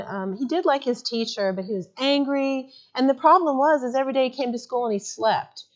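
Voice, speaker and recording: A woman giving a mental health training, telling stories and acting out what people said. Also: a little high. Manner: animated storyteller who acts out quotes. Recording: muffled lo-fi recording.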